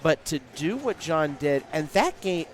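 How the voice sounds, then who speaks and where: Man, live commentary, play-by-play, slightly high voice, analytical, long explanations. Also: sing-song, unhurried.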